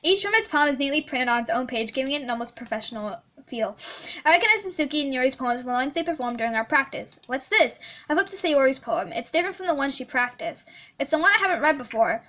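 A woman with a high-pitched, bright, forceful voice talks fast and very animatedly while playing a horror game on her channel. Scared, her heart racing, she reads the visual novel aloud in a stammering voice broken by nervous laughs.

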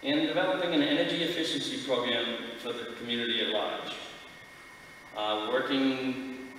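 Middle-aged guy preaching like a vicar, bright voice, measured, big echoey church, far from the mic. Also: medium pitch, fairly even intonation. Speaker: lay speaker giving a church sermon. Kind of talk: sermon read from notes. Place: large church, at a pulpit. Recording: echoey church hall, distant mic, background noise.

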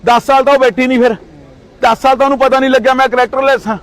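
A man's voice: very high-pitched, level tone, very fast. A man in his thirties from Punjab, India, speaking in a heated street interview with indignant, accusing outbursts.

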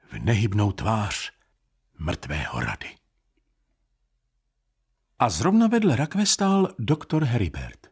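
A man narrating a classic short story as an audiobook in an expressive, storytelling manner. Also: lowish voice, breathy edge.

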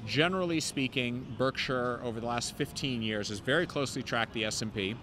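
A man in his fifties, a guest in an interview, explains investing into a handheld mic on a city sidewalk, speaking fluently and confidently though with many "um" fillers. His voice is mid-range and brisk, and passing traffic is clearly audible in the outdoor street recording.

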